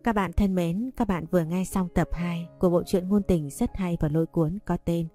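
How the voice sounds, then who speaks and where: Mellow woman reading a romance story. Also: on the low side, moderate pace, soft background music. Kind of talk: scripted first-person narration of a romance story.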